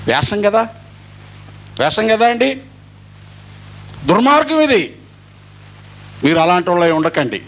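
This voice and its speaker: A man's voice: high-pitched, sing-song, unhurried, creaky, long pauses, fairly bright tone. A middle-aged male pastor preaching an Easter sermon, acting out dialogue as he goes.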